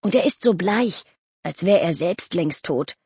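A woman's voice: fairly low pitch, lively intonation, unhurried, darkish tone, husky, no room sound, exaggerated voice. A woman voicing a suspicious, mocking teenage boy who talks in scornful slang. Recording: dull lo-fi audio.

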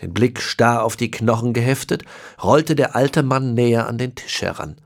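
A narrator reading a children's fantasy audiobook slowly and expressively. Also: medium pitch. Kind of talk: scripted narration.

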